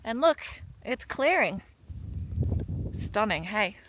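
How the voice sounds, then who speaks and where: Young woman, casual travel vlog, chatty, laughing, very expressive pitch, phone recording. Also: takes it slowly, heavy background noise. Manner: chatty, bubbly, laughs often. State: out of breath from altitude. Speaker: travel vlogger. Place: outdoors on a mountain horse trek, then indoors.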